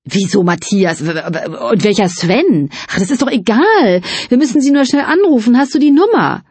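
An eager, brisk party organizer in an audiobook, talking through her plans in a chatty flow, as a woman reader puts her on. The voice is a touch husky and close, with no room around it. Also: a little high, sing-song, a little mellow, dry recording, pitched above the performer's own voice. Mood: flustered. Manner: brisk, chatty speech-giver.

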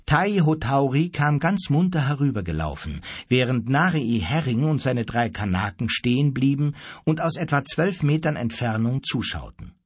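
Husky male audiobook narrator, lively telling. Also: medium pitch, normal speed, no echo. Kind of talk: scripted narration.

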